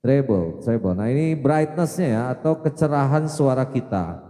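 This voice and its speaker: A man's voice: fairly high pitch, animated, moderate pace, warm tone. Man demonstrating mic settings, reverb-soaked. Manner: explains step by step, repeats test syllables into the mic. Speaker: audio tutorial presenter. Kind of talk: hands-on equipment tutorial. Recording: long reverb from an effects unit.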